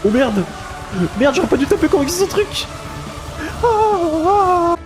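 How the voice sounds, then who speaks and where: A man giving excited, loud commentary while playing a video game, often yelping in a high voice. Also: takes it slowly. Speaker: let's play gamer. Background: game music.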